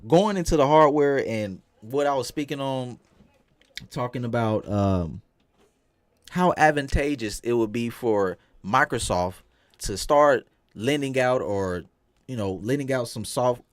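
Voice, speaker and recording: A man hosting a casual podcast, swinging between loud exclaims and low mutters. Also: lively intonation, unhurried, dry recording. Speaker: podcast host.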